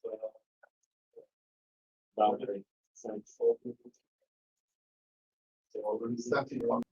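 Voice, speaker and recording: A man making halting opening remarks and thanking colleagues, recorded as dull lo-fi online audio. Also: mid-range voice, flat delivery, mellow, husky.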